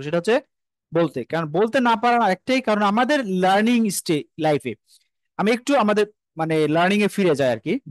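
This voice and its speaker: A man's voice: high voice, no echo. A man from Bangladesh teaching English in an online class over a video call, asking the class many rhetorical questions and mixing English phrases into his talk. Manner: mixes English phrases into Bengali.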